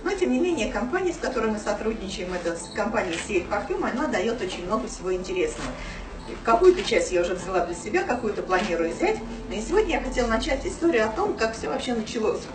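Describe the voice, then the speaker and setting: Over background music, a woman in her thirties tells a small business-meeting audience about her own experiences, talking quickly in a slightly high, sing-song voice. She is chatty and leans on fillers. A distant camera across the small office room, with no mic, gives the audio a roomy quality.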